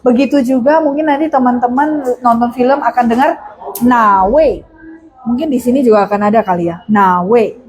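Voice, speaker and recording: A woman teaching Mandarin in an online class, patiently explaining and modeling polite phrases slowly. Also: a little high, low-quality recording. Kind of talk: online language lesson.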